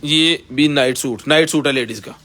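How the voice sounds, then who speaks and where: A man with a Pakistani accent giving a casual live sales pitch as a seller, pushing items hard and repeating himself like a hard-sell ad. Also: normal speed, sharp tone. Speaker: live-stream seller of container goods.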